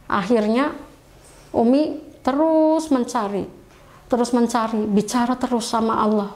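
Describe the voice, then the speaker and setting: Middle-aged woman, high voice, emotional testimony with pleading prayers. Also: a little slow, darkish tone. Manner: refers to herself as Umi, pleading quoted prayers. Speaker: guest telling her conversion story.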